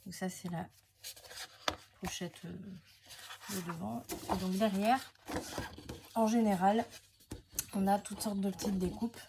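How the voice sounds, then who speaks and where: A woman chatting casually to camera while unboxing craft papers, hesitant, full of fillers and self-corrections, sometimes dropping to a soft near-whisper. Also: mid-range voice, fairly even intonation, slow pace, vocal fry, pauses often, noisy background. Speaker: scrapbooking crafter presenting her channel.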